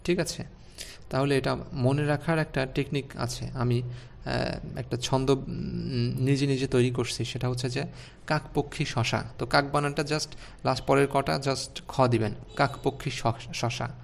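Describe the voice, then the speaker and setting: Guy teaching spelling online, bit of vocal fry, keeps asking the class questions. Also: mid-range voice, steady tone, unhurried, slight background noise. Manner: explains step by step, asks the class rhetorical questions.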